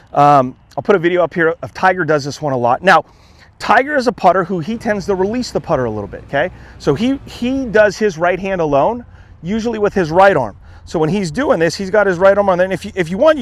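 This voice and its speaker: Relaxed man coaching putting outdoors. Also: sits high, dry recording. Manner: relaxed, repeats "okay?" and "again", restarts words. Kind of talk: on-course instruction, demonstrating.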